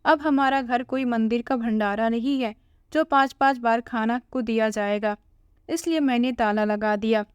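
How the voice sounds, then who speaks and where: A woman voicing a sharp-tongued young daughter-in-law with cutting, scornful retorts. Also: fairly high pitch, steady tone, moderate pace, smooth, no echo, studio quality, lightly acted.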